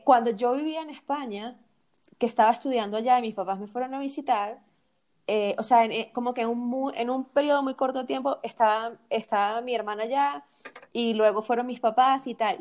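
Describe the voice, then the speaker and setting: A woman with a Venezuelan accent telling personal stories in casual chat, animated and frank. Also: fairly high pitch. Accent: Venezuelan Spanish. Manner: animated storyteller, many fillers and restarts.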